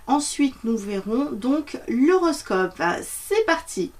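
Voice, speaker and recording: Woman astrologer, mellow tone, halting delivery full of fillers and restarts. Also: high-pitched, animated. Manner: hesitant, many filler sounds and restarts. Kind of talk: monthly horoscope talk.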